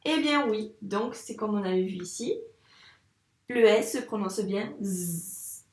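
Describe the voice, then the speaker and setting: A primary school teacher leads a reading lesson for young children, sounding out letters patiently, slowly and with exaggerated clarity. Her medium-pitched voice is darkish, with lively intonation. The sound is roomy, from a distant mic.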